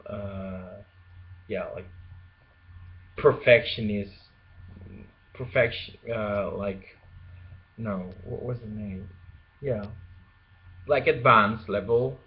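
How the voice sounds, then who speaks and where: A young man, a language learner vlogger, speaks slowly and hesitantly in a casual unscripted monologue, full of fillers and restarts. His voice is lowish, and the home video audio is dull and lo-fi.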